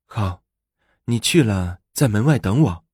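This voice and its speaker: A man's voice: on the low side, expressive, measured pace, darkish tone, slightly rough, no room sound, studio quality. A man voicing a bold, clever young woman of the palace, confident and teasing, in a storybook reading.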